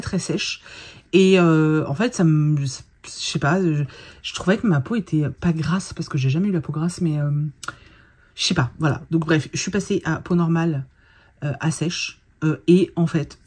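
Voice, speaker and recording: Woman vlogger, tired and chatty, husky low-key voice, casual product chat to camera. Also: moderate pace, darkish tone. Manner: chatty, colloquial, lots of fillers and restarts.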